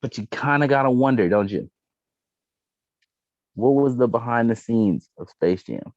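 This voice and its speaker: Hosting a laid-back entertainment chat, this American man sounds emphatic, profane, slangy and full of opinions. His medium-pitched, darkish voice has lively intonation and a measured pace, captured in roomy, dull lo-fi sound with faint background music.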